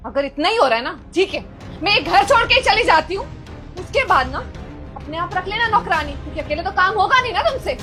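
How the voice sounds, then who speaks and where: A woman acting a defiant young bride, high and lively. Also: fairly quick, soft background music, heavily acted. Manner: defiant, sulky. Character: stubborn young woman, new sister-in-law. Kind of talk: amateur family drama acting.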